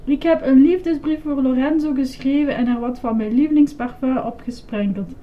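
A woman's voice: high voice, normal speed, lo-fi sound, pitched above the performer's own voice, lightly acted. A woman doing a dramatic lovesick princess.

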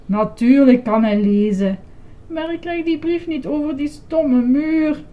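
A woman reading aloud puts on a theatrical, lovesick storybook princess who sighs over every line. Her voice sits high and bright. The recording sounds dull. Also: measured pace. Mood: indignant. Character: dramatic, lovesick young princess.

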